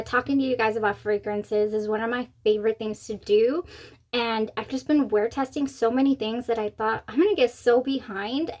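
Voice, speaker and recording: A woman with a somewhat high voice hosts a casual, chatty review. She sounds giddy and gushes with excitement. Her mouth is still swollen on one side after wisdom teeth removal. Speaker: fragrance review channel host.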